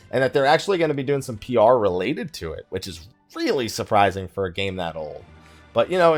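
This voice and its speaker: This let's play host speaks in a mid-range, darkish voice. His game talk wanders casually, laced with humor, pretend frustration and self-deprecating remarks.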